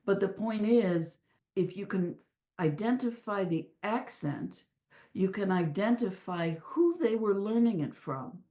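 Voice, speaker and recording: A middle-aged woman talking as an interview guest, telling stories in an animated way with frequent restarts. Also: medium pitch, measured pace. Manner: animated storyteller with many restarts. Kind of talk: casual interview talk. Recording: echoey room.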